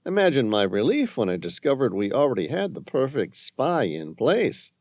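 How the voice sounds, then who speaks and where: A man's voice: mid-range voice, very animated, normal speed, a little mellow, no room sound. A man voicing a cold, calculating male handler in an audiobook, speaking in a cool, clipped, businesslike way. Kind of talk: audiobook narration.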